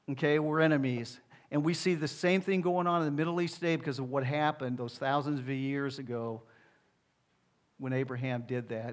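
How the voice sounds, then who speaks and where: A middle-aged man, a pastor, preaching a conversational sermon with rhetorical asides to the congregation. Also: high voice.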